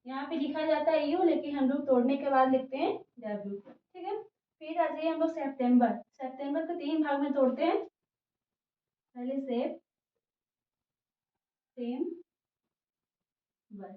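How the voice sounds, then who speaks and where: A woman teacher giving an English pronunciation lesson in Hindi, spelling words out letter by letter and checking in with "theek hai" after each step. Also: sits high. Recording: muffled, echoey room, voice from a distance.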